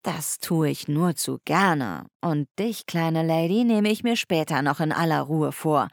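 A woman reading an audiobook, voicing a calm, gently teasing young man who talks slowly and easily. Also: low voice, no room sound, studio quality.

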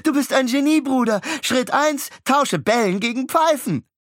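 A man voicing a playful, stubborn boy twin in an audiobook, with a high, loud, giddy voice. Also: lively intonation, normal speed, dry recording, clean studio sound. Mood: excited.

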